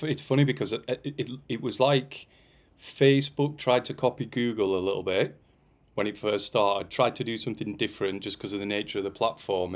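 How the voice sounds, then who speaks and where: A man co-hosting a podcast, talking in a quick, conversational way. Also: lowish voice. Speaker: podcast co-host.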